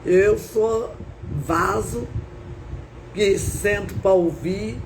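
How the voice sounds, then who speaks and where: A woman preacher shares her testimony on a live stream, drawing her words out slowly. She tells it with feeling and drama and keeps breaking in with praise, over a faint hiss behind her. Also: mid-range voice, darkish tone, low-quality recording. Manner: dramatic, repeats praise phrases. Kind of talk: emotional testimony sermon.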